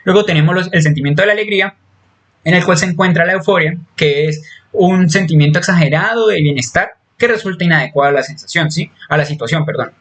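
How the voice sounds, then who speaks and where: A man's voice: fairly high pitch, quick pace, a bit bright. A man giving a recorded psychology class, explaining step by step with fillers, restarts and frequent "¿sí?" check-ins. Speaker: psychology lecturer.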